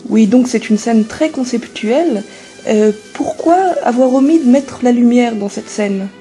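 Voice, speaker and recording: A woman playing an earnest television culture interviewer in a parody, asking questions in a polite, hesitant, deadpan way. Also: a little high, a little slow, music in the background, close to an everyday voice. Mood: deadpan probing.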